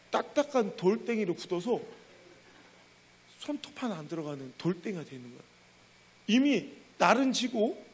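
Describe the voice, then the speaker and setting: A middle-aged man preaching in a church, telling a story with animated, emotional delivery. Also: high-pitched, low-quality recording. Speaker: pastor. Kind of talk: sermon storytelling.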